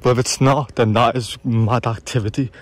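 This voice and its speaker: Outdoors at night near an abandoned building, a young adult man chats casually as an exploring vlogger and paranormal investigator. His mid-range voice keeps a fairly even intonation at a normal speed.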